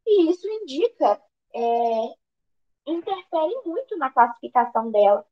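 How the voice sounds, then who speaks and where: A Brazilian woman with a high voice teaches grammar for an exam. She asks questions and answers them herself, often restarting her sentences. The recording sounds dull and lo-fi. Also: very animated, measured pace. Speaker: exam prep tutor. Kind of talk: online grammar lesson.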